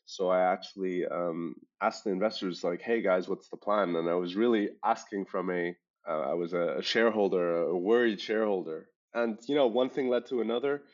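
Here a low-voiced man with an international school English accent, born and raised in Hong Kong, talks fairly quickly with hardly any pauses. He's a startup founder guesting on an interview, answering conversationally and telling stories, recorded as dull lo-fi podcast audio.

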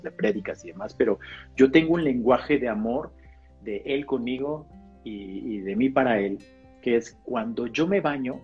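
A man who is a pastor, sharing a personal testimony in a casual podcast conversation, animated and acting out the dialogue. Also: mid-range voice, husky. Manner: animated storyteller, acts out dialogue. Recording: slightly dull podcast audio with faint guitar music.

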